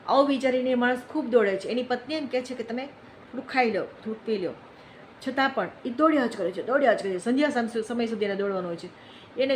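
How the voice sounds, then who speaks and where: A woman's voice: a little high, a little hiss or hum, low-quality recording. A woman giving an earnest, reflective moral talk, telling stories and repeating phrases for emphasis. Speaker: speaker on social issues.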